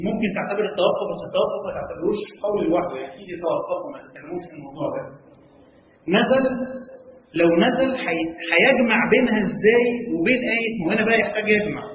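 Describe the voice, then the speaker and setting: A man with an Egyptian Arabic accent teaching a Quran commentary class. He keeps asking his students questions and reads the verses in a slow chant. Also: sits high, slight background noise. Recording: echoey, dull hall recording.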